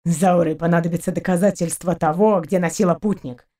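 Woman narrator playing a male ship captain, gruff, grumbling, curt. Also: lowish voice, fairly even intonation, a little fast, warm tone, voice pushed down, lightly acted.

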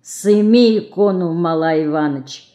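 A woman voicing a pious, grieving peasant woman who speaks slowly, mournfully and sternly. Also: on the low side, dark tone, lightly acted.

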